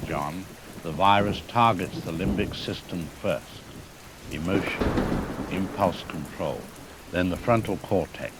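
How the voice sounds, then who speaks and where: A low-pitched male actor voices a grave, erudite virologist appearing as an expert guest in a scripted radio drama interview. He speaks formally and deliberately, with weighty pauses and a cold fatalism. Hiss, rain, and thunder run through the recording.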